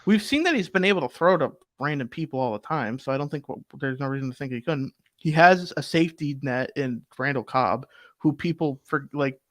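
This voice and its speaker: A young man co-hosting a sports betting show, arguing football picks in casual, animated talk full of fillers. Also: medium pitch, fairly quick, no echo. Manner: animated, argumentative, rambling with fillers.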